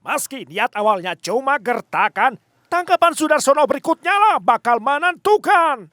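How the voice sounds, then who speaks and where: High, bright dramatic male narrator. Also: very animated, normal speed, no echo, clean studio sound.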